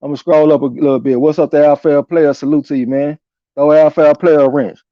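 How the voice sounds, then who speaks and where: A man hosts a live boxing stream in a casual, slangy and profane manner, chatting through his fight opinions and reading viewer comments aloud. His fairly high voice has a flat delivery and moves a little fast. The dry recording sounds dull and lo-fi.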